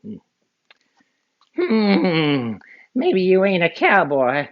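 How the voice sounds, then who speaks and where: A man voicing a mean, gruff cowboy outlaw with a drawl in a storybook reading, on a muffled lo-fi recording. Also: sits high, huge pitch swings, very slow, voice pushed up, heavily acted. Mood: suspicious.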